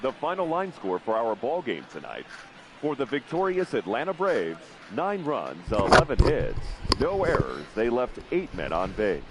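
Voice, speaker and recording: A man voicing a formal ballpark announcer in a video game, heard through a stadium loudspeaker and drawing out each name in a sing-song way. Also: medium pitch, wildly swooping pitch, normal speed. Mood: ceremonial. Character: formal male stadium announcer, booming and ceremonial. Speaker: ballpark public address announcer. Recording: echoing stadium PA over crowd noise.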